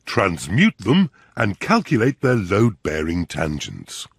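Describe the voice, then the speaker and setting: A jolly father pig in a preschool cartoon, gravelly and very animated. He takes his time and sounds gentle, proud and fatherly. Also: sits low, slow pace, no room sound, studio quality, heavily acted. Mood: jovial, gentle. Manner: jovial, fatherly, chuckling.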